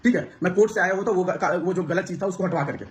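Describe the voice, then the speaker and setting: Speaking quickly in a high voice, a man vlogs to his viewers, pouring out an aggrieved, emotional personal account to camera with many restarts.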